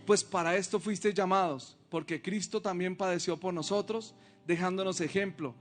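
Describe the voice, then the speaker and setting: A man's voice: sits high, steady tone, moderate pace, faint music behind. A male pastor preaching a sermon, reading scripture aloud and asking the congregation rhetorical questions.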